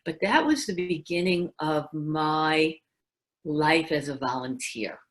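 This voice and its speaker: An older woman with a Brooklyn accent chats as an interview guest, spinning animated stories with easy laughter. Her voice sits a little low. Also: slow. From New York. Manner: animated storyteller who laughs easily. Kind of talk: casual interview chat.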